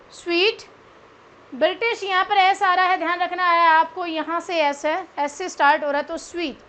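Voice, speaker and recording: A woman with an Indian accent teaching an online English lesson, explaining slowly and repeating each word as she mixes Hindi and English. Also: extremely high pitch, a bit bright.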